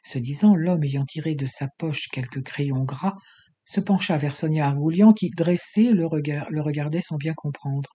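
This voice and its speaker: Mellow, husky male storyteller. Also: on the high side, moderate pace. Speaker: audiobook narrator. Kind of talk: scripted narration of an adventure novel.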